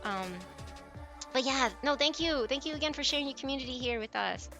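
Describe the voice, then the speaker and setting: With background music running under her voice, a woman live streamer talks casually to her chat, rambling conversationally. Her voice is high-pitched and sharp, and she speaks fairly quickly.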